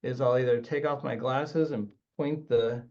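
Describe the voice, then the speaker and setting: A man's voice: medium pitch, fairly even intonation, moderate pace, a little mellow, muffled recording. A man who works as a trial lawyer, telling an instructional story in an earnest way as a webinar guest. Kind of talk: instructional anecdote.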